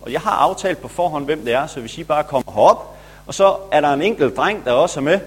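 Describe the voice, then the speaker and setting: A man's voice: on the high side, animated, husky, faint music behind. A man, a pastor, retelling a Bible story for children in a chatty, playful way.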